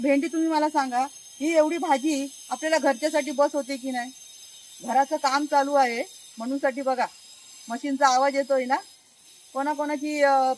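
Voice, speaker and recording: A woman's voice: high-pitched, rough recording. A woman with a Konkan Marathi accent, casually showing viewers around a village garden outdoors and constantly urging them to look. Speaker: vlogger. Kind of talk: casual walk-and-show garden vlog.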